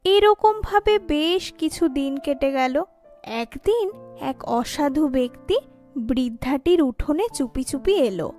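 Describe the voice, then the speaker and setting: A woman narrating a cartoon fairy tale in a calm, measured way. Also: sits high, soft background music. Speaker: storyteller.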